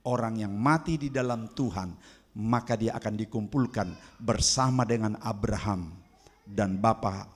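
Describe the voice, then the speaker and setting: A man's voice: lowish voice, husky. A male pastor preaching a sermon, emphatic, with rising exclamations and rhetorical questions to the congregation.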